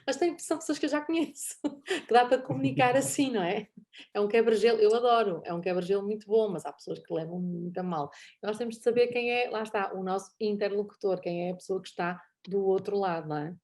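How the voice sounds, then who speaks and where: A woman's voice: mid-range voice, fairly quick. A middle-aged woman with a European Portuguese accent, talking casually as a guest speaker, laughing often and acting out bits of dialogue. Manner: animated, laughs often, acts out quoted dialogue. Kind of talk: online talk session, casual conversation.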